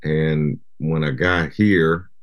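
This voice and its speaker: A middle-aged man from Japan, a guest rapper, chatting in an interview in a relaxed, rambling way full of "you know". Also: extremely low pitch, very slow, dull audio. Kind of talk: casual interview chat.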